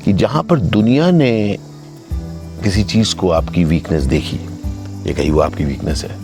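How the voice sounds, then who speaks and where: A man in his fifties with a very low voice speaks slowly and reflectively, often switching into English phrases. Clear background music plays under his talk. He sounds like a host musing aloud outdoors. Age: 50s. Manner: thoughtful, slow, musing, mixes English phrases. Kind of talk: reflective casual conversation. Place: outdoors in green surroundings. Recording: music playing behind the talk.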